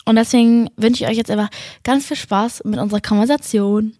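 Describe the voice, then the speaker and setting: A woman's voice: a little high, fairly even intonation, a little fast, dark tone, no room sound, clean studio sound. A woman hosting a podcast, speaking informally in an introduction with English slang mixed in. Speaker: podcast host.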